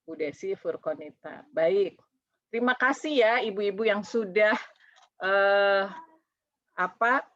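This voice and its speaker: A woman teaches an online religious study circle with lively energy, often slipping into quoted voices. Her voice sits in an ordinary middle range. The sound is dry and a little muffled. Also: medium pitch, no echo. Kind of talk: online Islamic study talk.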